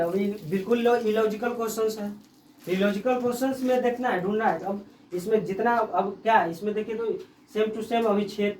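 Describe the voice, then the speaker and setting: A male teacher giving a classroom lecture. He spells letters out slowly and keeps asking the class questions. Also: very high-pitched. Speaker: reasoning teacher. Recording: echoey room, voice far from the mic.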